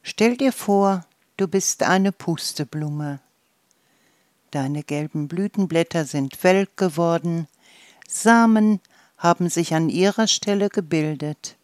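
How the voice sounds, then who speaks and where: A storyteller reading a calm guided fantasy journey and fairy tale in a soft, soothing manner. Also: medium pitch, slow, no room sound, studio quality.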